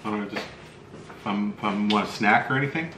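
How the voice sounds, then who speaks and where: A middle-aged man giving a casual, halting, low-key food review as he tastes, recorded at a table indoors. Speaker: spicy food review host. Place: small bright room indoors. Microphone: camera mic across a table. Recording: echoey room, faint background noise.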